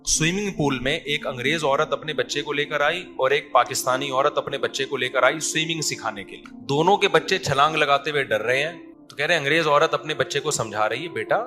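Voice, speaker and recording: A male preacher delivers a lively sermon, acting out voices in his anecdotes. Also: fairly high pitch, over music.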